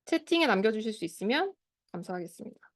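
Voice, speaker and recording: A woman in her thirties with a mid-range voice, a speech therapist leading a study group, gives an online lecture to parents and teachers. She's very animated and talks fast, explaining, asking the audience questions, and acting out quoted phrases. The sound is clean studio audio with no echo.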